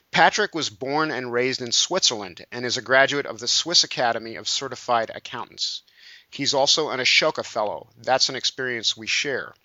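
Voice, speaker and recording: A man's voice: mid-range voice, sharp tone, no echo, dull audio. A man hosting a podcast interview, reading the guest's introduction and then asking questions. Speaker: podcast host.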